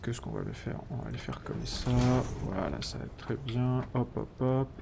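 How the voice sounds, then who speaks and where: A man's voice: mid-range voice, huge pitch swings, normal speed, gravelly, background noise. A man streaming a factory-building game, thinking aloud while he builds, counting under his breath and slipping into mock-grandiose, self-ironic banter. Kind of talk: casual live-stream commentary.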